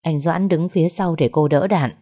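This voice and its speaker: Woman w/ reading a sad story, low mellow voice, slow and somber. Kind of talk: audiobook narration of a sad story.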